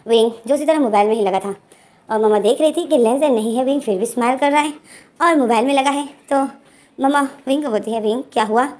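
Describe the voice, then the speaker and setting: A woman's voice: sits high, brisk, a little mellow. Woman retelling a story in a chatty way. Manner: chatty, with many repeated fillers. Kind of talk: casual retelling of a fan story.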